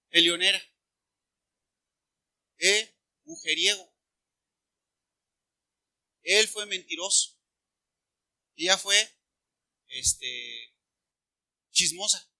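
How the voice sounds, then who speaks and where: A man preaching a sermon as pastor, animated, questioning the congregation directly. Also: high-pitched, no room sound. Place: church.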